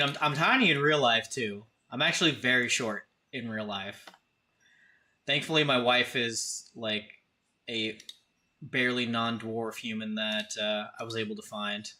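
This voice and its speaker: There's slight background noise as a livestreamer in his thirties talks with a sharp tone at medium pitch. He's informal and conversational, speaking right to his chatters.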